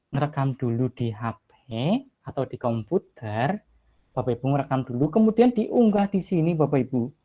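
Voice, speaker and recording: Chatty apologetic man, dull webinar audio. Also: on the high side. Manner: chatty, apologetic, thinks aloud while clicking. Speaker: teacher-training presenter. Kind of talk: online screen-share tutorial.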